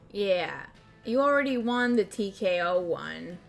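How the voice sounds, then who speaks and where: Woman streamer just chatting thru party games, easygoing, normal pitch, some music behind. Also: creaky. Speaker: streamer and host. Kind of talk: casual livestream chat while playing party games.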